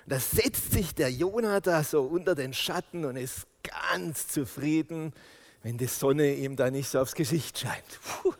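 A man preaching a sermon, telling the story with lively sound effects and acted-out lines. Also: on the high side, unhurried. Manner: animated storytelling, acts out quotes. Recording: long reverb of a large hall.

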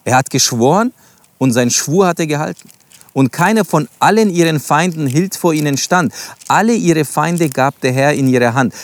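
A man's voice: a little high, lively intonation, moderate pace, dry recording. A man teaching from the Bible in a sermon, reading verses aloud and explaining them, stressing single words and addressing his listeners directly. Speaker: preacher.

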